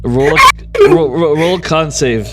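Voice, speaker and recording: A man's voice: on the high side, measured pace. A man working as game master, improvising narration for a tabletop role-playing game. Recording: faint music behind the voice.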